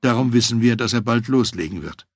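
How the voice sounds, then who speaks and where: A man voicing an eager, talkative male FBI agent who pitches his plan persuasively, in a husky voice. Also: expressive, brisk, no room sound, clean studio sound.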